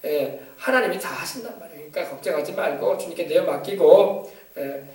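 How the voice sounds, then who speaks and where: A man pastor delivers a rapid sermon in a high voice, emphatic and exhorting, now and then dropping to quieter asides. He sounds set back from the mic, and the church hall around him rings with echo. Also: animated. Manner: emphatic, exhorting, switching between loud commands and soft asides. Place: church sanctuary. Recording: echoey church hall from far off.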